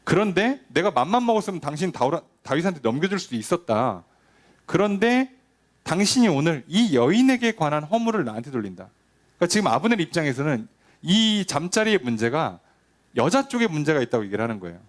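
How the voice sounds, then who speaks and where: A man's voice: a little high, big pitch swings, fairly quick. A male pastor giving a conversational sermon, often asking the congregation rhetorical questions and acting out quoted lines.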